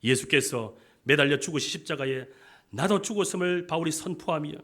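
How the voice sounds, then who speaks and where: Fairly quick and a little high, the senior pastor's voice carries a fairly bright tone. His impassioned sermon is punctuated by questions to the congregation, who repeat his words back to him.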